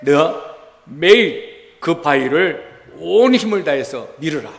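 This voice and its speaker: A man's voice: a little high, big pitch swings, slow, full character voice. A male pastor voicing the Lord in a sermon story, giving firm commands and then reassurance. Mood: firm, reassuring. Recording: reverberant church hall.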